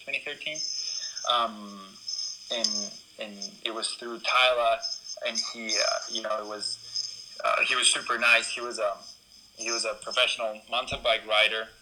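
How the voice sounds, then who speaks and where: A man's voice: medium pitch, little pitch movement, normal speed, pushed and bright, poor audio. A young man from Ecuador, a BMX racer, talking casually in an interview with lots of fillers and restarts. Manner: rambling, many fillers and restarts.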